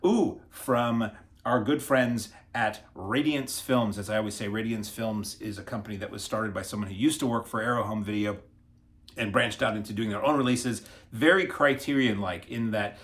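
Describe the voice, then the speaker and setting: A man's voice: lowish voice, moderate pace, a bit bright. A man hosting a casual unboxing video, chatty and self-deprecating as he stumbles over foreign names. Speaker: video host reviewing disc releases.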